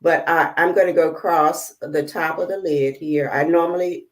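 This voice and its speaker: Low-voiced woman demoing makeup. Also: fairly even intonation. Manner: halting, many fillers while working; checks the viewers can see. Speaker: makeup tutorial host. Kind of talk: casual live demonstration. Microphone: video call.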